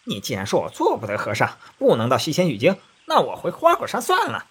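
A man doing a cocky, high-pitched monkey king. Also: huge pitch swings, fairly bright tone, husky, full character voice. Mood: sulky. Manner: quick, cocky, teasing. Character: cheeky boastful monkey king, male.

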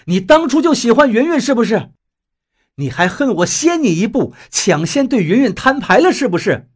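A man voicing an anguished young man in an audiobook, shouting in a high, strained voice. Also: big pitch swings, moderate pace, full character voice. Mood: desperate. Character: desperate young man, crying out.

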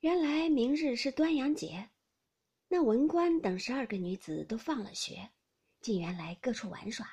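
A woman's voice: a little high, moderate pace, breathy edge. A woman narrating a classic novel audiobook expressively, often dropping to a whisper. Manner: expressive, with many whispered passages.

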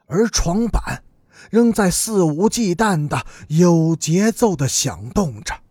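A man narrating a serialized audiobook story in a slow, deliberate, dramatic manner. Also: high-pitched, lively intonation, mellow, husky, no room sound, clean studio sound.

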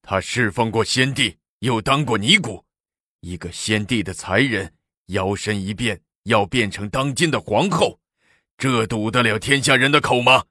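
A man's voice: on the low side, measured pace, bright, forceful tone, dry recording, clean studio sound. A man voicing a stern, imperious senior minister who scolds and berates in a storytelling performance. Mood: indignant.

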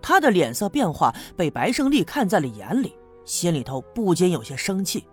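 Man, serialized audiobook narration, animated, husky, faint music. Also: high-pitched, normal speed. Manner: animated, storytelling. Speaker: storyteller.

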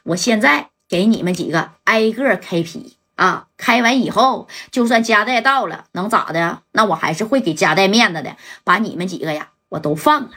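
A woman's voice: mid-range voice, expressive, normal speed, few pauses, pushed and bright, breathy edge. A woman voicing an arrogant male gang boss who taunts and threatens. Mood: menacing. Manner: taunting, bullying.

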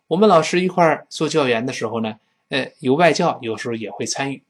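Lively male English teacher, husky voice. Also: medium pitch, fairly quick. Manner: lively, acts out dialogue lines in a raised voice. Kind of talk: spoken English lesson.

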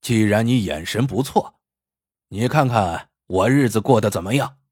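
A man voicing a fat, scheming male shopkeeper who mocks and tests a blind customer, with a husky, teasing manner in a storybook tale. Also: fairly low pitch, animated, normal speed, a little mellow, no room sound, studio quality, pitched below the performer's own voice. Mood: mocking. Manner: sneering, teasing.

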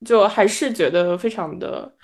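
A woman's voice: mid-range voice, moderate pace, a little mellow. A woman podcast host reflecting on her reading year in casual chat, laughing often between thoughts.

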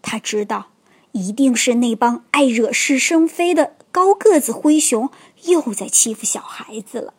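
A woman reading a children's storybook aloud, slow and expressive. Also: on the high side. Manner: slow, expressive, clearly paced.

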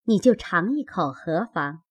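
A woman voicing a composed young head maid who speaks mildly and softly. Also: on the low side, animated, measured pace, slightly rough, no room sound. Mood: gentle.

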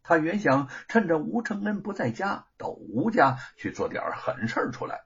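Husky, animated male storyteller. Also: on the high side, normal speed, highs cut off. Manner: dramatic, animated narration. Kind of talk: traditional oral storytelling.

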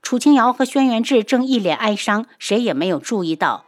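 A woman reading a novel aloud as an audiobook narrator, in expressive scripted narration. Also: on the high side, a little fast.

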